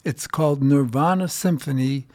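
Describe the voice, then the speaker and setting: An American man with a gravelly voice hosting a music radio show, musing in a halting, rambling way with repeated words. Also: mid-range voice, a little mellow. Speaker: radio host.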